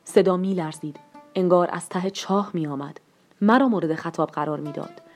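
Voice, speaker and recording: A woman reads a short story aloud in a calm, even manner. Her voice sits fairly low. Soft music plays faintly underneath. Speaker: story reader. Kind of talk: scripted story narration.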